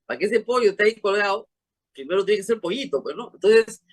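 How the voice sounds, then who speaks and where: Peruvian woman TV host, emphatic and exclamatory, husky voice that swings widely in pitch. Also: expressive. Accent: Peruvian Spanish. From Peru. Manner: emphatic, exclamatory, quick asides. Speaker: show host. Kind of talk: animated TV interview chat.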